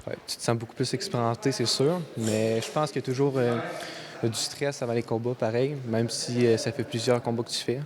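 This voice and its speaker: A man, an amateur boxer speaking calmly and steadily. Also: medium pitch, a little fast, a crowd in the background.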